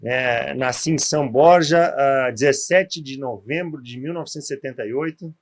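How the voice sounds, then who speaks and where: A man in his forties from southern Brazil, speaking with a gaúcho Portuguese accent, tells his story as a former footballer on a podcast interview. His voice is medium-pitched at a moderate pace, and he often uses tag questions.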